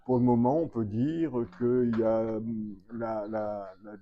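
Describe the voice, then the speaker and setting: Interviewed in a trade fair hall, a man who teaches veterinary public health as a professor describes his field slowly and in a steady, lowish voice. His answer is full of hesitations and fillers, captured in dull lo-fi sound.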